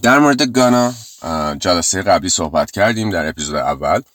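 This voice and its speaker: A man, a teacher, explaining in his own language and repeating English phrases slowly and clearly. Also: sits low, expressive, fairly bright tone, dry recording, studio quality. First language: Persian.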